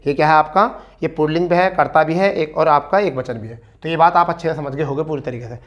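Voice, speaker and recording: Male exam-prep tutor, a touch high-pitched, coaxing and repetitive, hurrying students toward the answer. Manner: coaxing, repeats "ठीक है" often; recites verse slowly and deliberately. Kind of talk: explaining a practice test.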